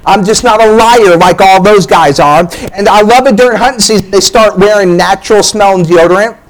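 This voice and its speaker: High-voiced joking preacher man. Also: brisk, poor audio. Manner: energetic, joking preacher who keeps asking "all right?". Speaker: pastor. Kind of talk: sermon.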